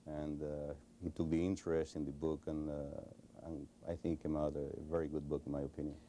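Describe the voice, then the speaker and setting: With a slight hiss or hum behind him, a Cuban-born guest on a recorded TV interview talks a little fast in a deep, flat voice. Spanish is his first language and his accent is Cuban. He hesitates a lot, with frequent fillers and restarts.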